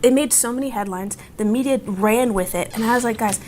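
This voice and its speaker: A woman's voice: on the high side, a little fast, over loud music. A young adult woman hosting a casual interview, teasing and laughing as she rambles. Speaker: podcast host interviewing a fighter.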